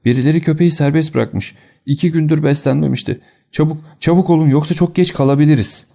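A man's voice: fairly high pitch, quick pace, creaky, dark tone, voice pushed up. A man reading an audiobook, voicing a frail, red-faced elderly male servant in an urgent, frantic tone. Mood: alarmed.

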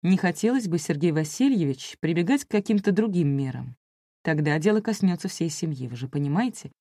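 A woman voicing a menacing male official who presses each word out clipped and deliberate. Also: fairly low pitch, animated, dark tone, no room sound, clean studio sound. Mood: veiled threat. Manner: clipped, every word stressed.

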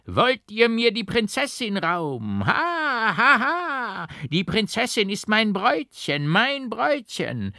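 Shrill crazed monk, cackling and screaming way up high, lots of swing. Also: male voice, wildly swooping pitch, takes it slowly, hardly any pauses, pushed and bright, dry recording, studio quality, heavily acted. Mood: gloating shriek. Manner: manic, screaming laughter. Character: raving half-naked madman monk, murderous double.

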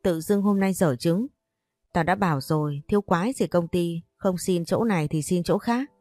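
A woman's voice: lowish voice, normal speed, a little mellow, dry recording, soft background music, natural voice. A woman voicing a brash, talkative young woman friend who teases and scolds bluntly in an audio story. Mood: teasing.

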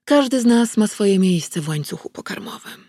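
A woman's voice: medium pitch, animated, moderate pace, dark tone, no echo, lightly acted. A woman reading the lines of a dry, sardonic male vampire in an audiobook, with curt remarks.

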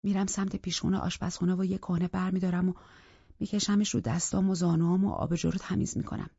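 A woman narrating a psychological thriller audiobook in the first person, in a tense, intimate manner with a husky voice. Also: on the low side, level tone, mellow, no echo, dull audio.

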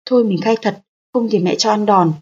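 A scared little child fretting to itself, spoken close to the reader's own voice, as a woman puts her on. The tone is breathy, and the recording is slightly dull. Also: medium pitch, a little fast, a little mellow, natural voice. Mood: fearful. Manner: anxious, fretful inner thoughts. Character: frightened small child thinking to itself.

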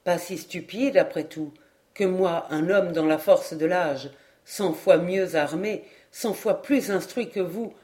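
A woman reading an audiobook, voicing an earnest, deeply moved young doctor in a lowered, soft-spoken voice. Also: takes it slowly.

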